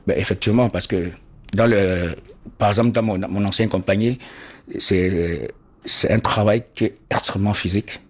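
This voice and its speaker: A man from Cameroon, interviewed about his situation, speaking earnestly and haltingly, often repeating words as he searches for them. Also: fairly low pitch, steady tone, breathy edge. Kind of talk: interview testimony.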